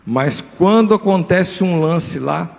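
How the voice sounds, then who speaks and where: Brazilian pastor preaching in a reverberant hall. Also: male voice, sits high, takes it slowly, gravelly. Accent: Brazilian Portuguese. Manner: lively preaching with many rhetorical questions to the congregation. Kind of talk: sermon. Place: church hall. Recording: live church recording with long reverb.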